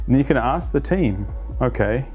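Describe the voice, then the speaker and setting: A man in his fifties explaining a team planning practice to camera as an agile coach, conversational and animated, on a lapel mic in a plain studio. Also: medium pitch, normal speed, soft background music. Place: plain studio against a light wall.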